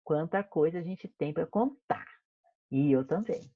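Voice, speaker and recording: A woman's voice: sits low, animated, a little slow, no room sound, narrow, tinny audio. A woman teacher with a Brazilian Portuguese accent reads a children's story aloud to her class in an online lesson, playing with sound words. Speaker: primary school teacher.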